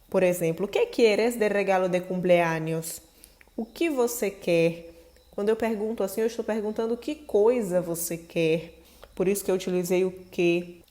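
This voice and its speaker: A woman with a Brazilian accent gives an online Spanish lesson in a warm, mellow voice. She explains each point patiently and reads example sentences aloud in Spanish. Her pitch sits in an ordinary middle range. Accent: Brazilian Portuguese. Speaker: Spanish teacher.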